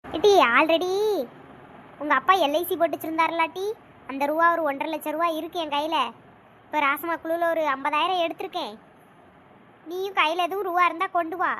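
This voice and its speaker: A woman's voice: extremely high pitch, fairly even intonation, brisk, long pauses, bright, forceful tone, a little hiss or hum, pitched below the performer's own voice. Woman playing a sly old mother-in-law. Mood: scheming. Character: scheming elderly mother-in-law, boastful and sly.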